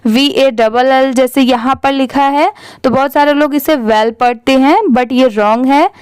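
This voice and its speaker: Patient high-voiced woman teacher spelling slowly. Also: steady tone, clear, resonant tone, no echo. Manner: patient, repeats "what will we read it as?" questions. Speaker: English reading teacher. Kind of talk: Hindi-language phonics lesson, spelling words letter by letter.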